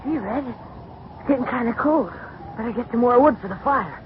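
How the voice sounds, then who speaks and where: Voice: medium pitch, expressive, normal speed, close to an everyday voice. A performer playing a timid, chatty young street boy in an old radio drama, slangy and plaintive. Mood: naive, chatty. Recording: muffled, hissy old radio recording.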